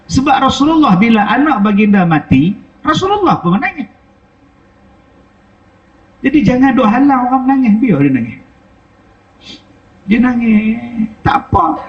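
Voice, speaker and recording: A man's voice: very high-pitched, very animated, normal speed, long pauses, highs cut off. A middle-aged man, preaching a sermon with rhetorical questions and repeated phrases. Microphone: wireless lapel mic.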